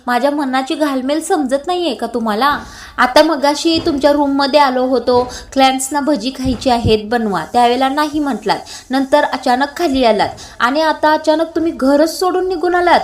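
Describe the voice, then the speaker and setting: A woman voicing a frantic, angry young husband who scolds with rapid questions, in a retold serial scene. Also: high voice, natural voice. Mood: agitated, scolding.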